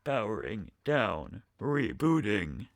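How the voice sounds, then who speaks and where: A man voicing a stoic robot soldier in a video game, talking on an in-breath in a slow, halting robot voice. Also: fairly low pitch, sing-song, gravelly, pitched below the performer's own voice, heavily acted. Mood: monotone. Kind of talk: voicing game dialogue aloud on a stream.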